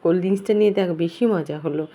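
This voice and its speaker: A young woman chatting to viewers in a casual family vlog at home, her voice slightly hoarse, filmed on a phone. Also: lowish voice, rapid-fire, mellow. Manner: chatty, addresses viewers directly. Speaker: vlogger. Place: home, indoors.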